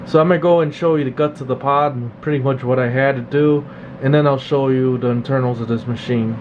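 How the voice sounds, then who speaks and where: Working in an electronics workshop, a male technician walks through a repair in a relaxed, straightforward way. His medium-pitched voice is brisk, while the audio sounds a bit dull over a constant background hum.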